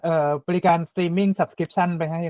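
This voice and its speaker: A man's voice: high voice, level tone, takes it slowly, darkish tone, no room sound, highs cut off. A man in a casual Thai podcast chat who throws in joking remarks. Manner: joking interjections.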